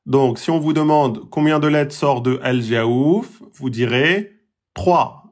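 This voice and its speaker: A man's voice: mid-range voice, slow pace. A man teaching pronunciation in a patient lesson, repeating points, checking with his students and sounding out vowels himself. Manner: demonstrates vowel sounds aloud. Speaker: Quran recitation teacher. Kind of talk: slow, patient explanatory lesson.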